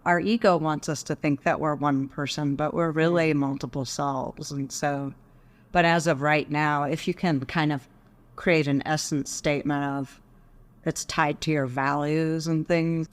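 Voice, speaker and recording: A woman's voice: low voice, steady tone, measured pace. A middle-aged woman from Texas, talking thoughtfully and measuredly as a podcast guest. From Texas, USA. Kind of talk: reflective interview talk.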